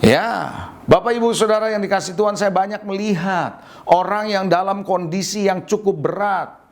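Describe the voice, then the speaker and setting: A middle-aged man from Indonesia preaching a lively sermon, calling out to the congregation for responses and acting out quotes. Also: sits high, moderate pace. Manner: lively preaching with audience call-outs and acted quotes. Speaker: pastor.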